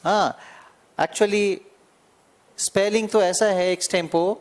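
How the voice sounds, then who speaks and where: A man with a fairly high voice teaching an exam-prep vocabulary lesson. He explains slowly, draws out and repeats key words, and keeps checking in with his students. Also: fairly even intonation. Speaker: English teacher.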